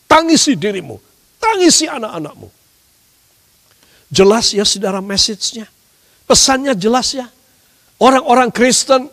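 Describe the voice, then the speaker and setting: A male pastor, preaching a sermon dramatic swings between loud, high emphasis and low, hushed asides. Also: in a large hall.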